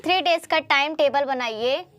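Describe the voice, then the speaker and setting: A woman's voice: sits high, normal speed, a bit bright, faint music behind. A woman teacher giving a chatty motivational study lesson, often repeating herself and asking rhetorical questions.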